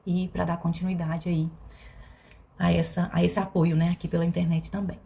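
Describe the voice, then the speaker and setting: Give me a woman with a low, warm voice, talking slowly and hesitantly in a personal vlog. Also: flat delivery, creaky, slight background noise. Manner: reflective and hesitant, with many fillers and restarts. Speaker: vlogger.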